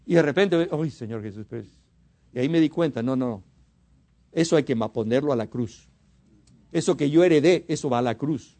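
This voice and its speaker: A man from Mexico preaching a sermon. He is fervent, rises to emphatic exhortation and drops to quiet asides, and often repeats words for emphasis. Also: fairly high pitch, brisk.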